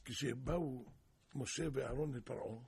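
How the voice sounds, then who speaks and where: A man giving a sermon through parables, telling stories in an animated way with sudden loud bursts of emphasis. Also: medium pitch. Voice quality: gravelly, raspy. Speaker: preacher.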